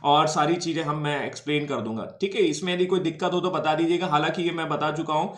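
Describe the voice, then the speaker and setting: A man's voice: fairly high pitch, quick pace. Man teaching a history lecture, echoey room. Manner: explains step by step, switches between Hindi and English, asks if students follow. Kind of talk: exam-prep lecture.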